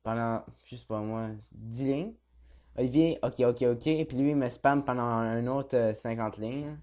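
A man's voice: mid-range voice, unhurried, mellow. A young man with a Quebec French accent casually reads a chat log aloud as a gaming vlogger, mumbling and swearing offhand.

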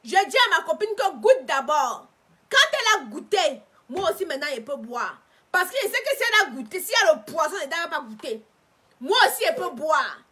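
A woman from Cameroon with a Cameroonian French accent, talking in a casual live stream from home, animated and emphatic, repeating herself for force. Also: sits high, fairly quick. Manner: animated, emphatic, repetitive lecturing.

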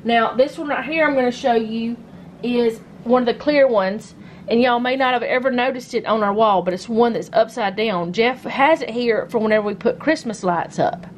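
A woman's voice: fairly high pitch, normal speed, a little hiss or hum, poor audio. A woman, chatting casually at home as she films with a handheld phone and shows household items, rambling and correcting herself as she goes. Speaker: home vlogger. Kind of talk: casual show-and-tell vlog. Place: home, indoors.

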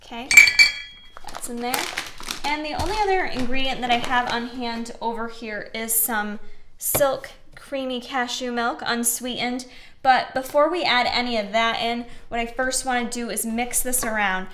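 A woman's voice: a little high, normal speed, fairly bright tone, slight background noise. A young woman hosting a casual cooking show in her home kitchen, chatting and encouraging viewers as she mixes and cuts. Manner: chatty and encouraging, talks while mixing and cutting.

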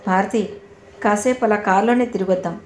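A woman's voice: medium pitch, fairly quick, lightly acted. Brief: woman voicing a tender young husband, storybook reading, faint hiss behind. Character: young man, affectionate teasing husband. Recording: echoey room, faint background noise.

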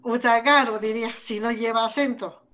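A woman from the Sierra Norte of Oaxaca with a somewhat high voice, talking as a language teacher. She explains step by step in an easy conversation, pauses on fillers and repeats words as she thinks. It sounds like a relaxed talk between colleagues. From Sierra Norte of Oaxaca, Mexico. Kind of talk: conversational discussion.

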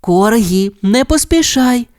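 A narrator voicing a gentle, careful mother dog in a storybook. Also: medium pitch, lively intonation, moderate pace, voice pushed up, natural voice. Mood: calling. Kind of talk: storybook character voice.

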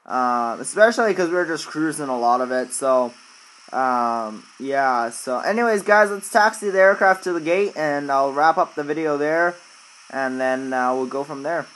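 A man's voice: on the high side, normal speed, fairly bright tone, low-quality recording. A man chatting informally to his viewers as he gives casual commentary on a flight simulator game. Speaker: video host, flight simulator player.

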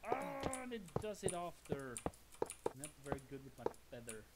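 A woman streaming a game, giving casual commentary with excitable, self-mocking exclamations. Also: deep voice, moderate pace, very noisy. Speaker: gameplay streamer.

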